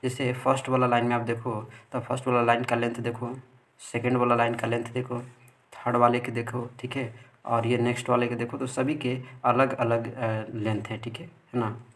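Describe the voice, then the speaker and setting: A man teaching English literature, explaining definitions slowly and checking in with his listeners often. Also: mid-range voice, little pitch movement. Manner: mixes Hindi explanation with slowly read English definitions, frequent "ठीक है" checks. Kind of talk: explaining poetry terms in a video lesson.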